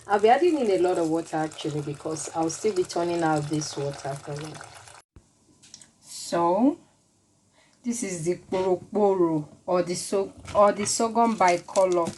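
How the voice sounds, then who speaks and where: A woman's voice: fairly low pitch, normal speed, darkish tone, slight background noise. A woman, chatting casually as she walks viewers through a cooking demonstration and explains each ingredient. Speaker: cooking vlogger.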